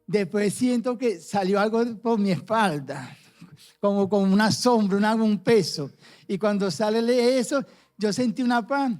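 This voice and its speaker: A middle-aged man with a Venezuelan accent giving a personal testimony at church, halting and often repeating his words. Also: high-pitched, a little mellow. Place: church service.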